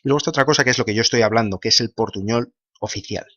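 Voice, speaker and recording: A man talks briskly to his camera, answering viewer comments and thinking out loud. He keeps checking in with little tag questions as he goes. The sound is close and dry, and a bit dull and lo-fi. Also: mid-range voice, dry recording. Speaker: video blogger answering comments. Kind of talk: casual monologue.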